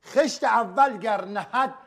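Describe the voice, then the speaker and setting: A man's voice: high-pitched, vocal fry, a bit bright. A man playing an exasperated quiz host in a comedy sketch, scolding contestants.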